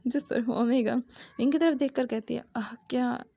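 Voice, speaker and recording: A woman retelling a drama series episode as a steady, plain storyteller, speaking close to the mic. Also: a little high, moderate pace, creaky, dry recording.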